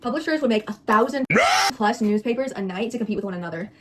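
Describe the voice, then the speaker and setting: A woman's voice: a little high, quick pace, very noisy. A young woman co-hosting a video, moving between scripted explaining and playful, theatrical teasing. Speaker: co-host of a mukbang video.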